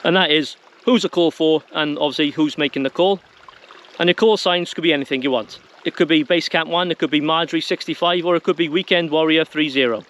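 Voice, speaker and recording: His voice is on the high side, fairly bright in tone, and a little fast. The man presents an informal tutorial to his audience, keeping it plain-spoken and conversational.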